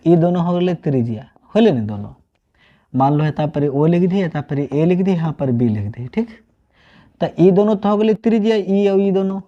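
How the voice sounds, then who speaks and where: Man, Bihari accent, math teacher, asks and answers himself, slightly high voice, dull lo-fi recording. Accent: Bihari, Magahi-tinged Hindi. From Bihar, India. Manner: asks questions and answers them himself, mixing regional dialect. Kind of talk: online classroom lesson. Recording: dull lo-fi sound.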